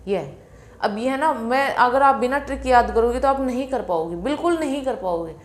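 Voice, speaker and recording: Confident woman teaching exam tricks. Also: on the high side. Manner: confident, repeats key terms slowly for memorising. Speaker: Sanskrit teacher. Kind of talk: exam-prep lecture.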